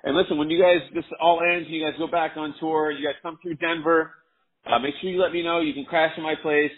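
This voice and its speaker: An American man chats casually as a podcast host. His voice is fairly high and a little husky, with the narrow sound of a telephone call. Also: little pitch movement, a little fast. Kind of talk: casual chat. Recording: narrow phone-like call audio.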